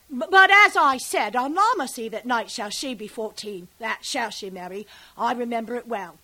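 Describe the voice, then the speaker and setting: A woman's voice: on the high side, fairly bright tone, low-quality recording. A woman performing a classical stage monologue as a garrulous, fond old nurse who rambles and digresses. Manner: rambling, digressive, breaks into laughter.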